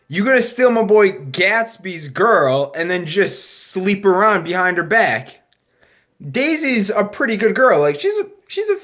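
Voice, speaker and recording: A man with a slightly high voice, drunk and getting drunker, talks through a movie review. He rambles, doubles back on his sentences and drops crude slang and swearing as he goes. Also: fairly bright tone. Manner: rambling, loses his thread, restarts sentences; profane, crude slangy talk. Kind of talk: casual rambling film review to camera.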